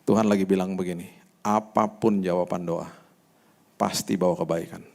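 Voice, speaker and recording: A male pastor preaching a sermon in a conversational, animated storytelling way. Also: sits low, moderate pace, creaky.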